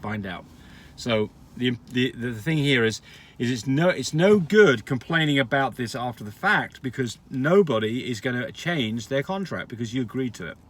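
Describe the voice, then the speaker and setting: A man's voice: medium pitch, expressive, normal speed, fairly bright tone. Frank, rambling man answering questions. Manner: frank, rambling explanations with restarts and fillers. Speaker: dog breeder answering viewer questions. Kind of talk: casual advice Q&A.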